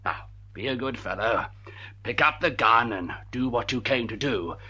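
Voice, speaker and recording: An actor playing a taunting, unhinged gentleman villain in a radio drama, theatrical and mockingly polite. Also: mid-range voice, lively intonation, normal speed, husky, exaggerated voice. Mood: mad, mocking.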